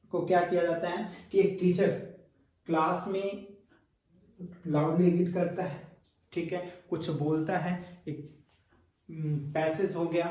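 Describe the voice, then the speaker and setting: In a warm, fairly high voice, a male teacher gives a recorded exam-prep lecture, explaining things step by step and answering his own questions along the way. He sounds far from the microphone, and the room is very echoey, so his voice seems to come from a distance.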